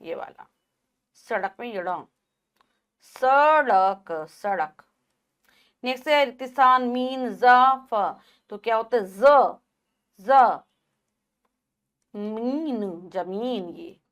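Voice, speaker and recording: Female teacher, measured delivery, breaks words into syllables for young learners; slightly high voice. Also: fairly bright tone. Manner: slow syllable-by-syllable pronunciation drills. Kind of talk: children's Hindi lesson.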